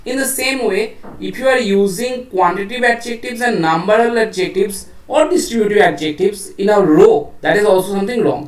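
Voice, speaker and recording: A woman's voice: mid-range voice, extremely slow, far from the mic. A woman with a Bengali accent teaching an English grammar lesson, explaining rules step by step and asking her students questions as she goes. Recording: echoey room, voice off mic.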